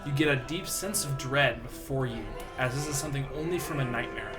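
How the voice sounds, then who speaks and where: A man's voice: mid-range voice, fairly quick. A man acting as game master, narrating a tabletop roleplaying game and giving rulings to players. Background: music.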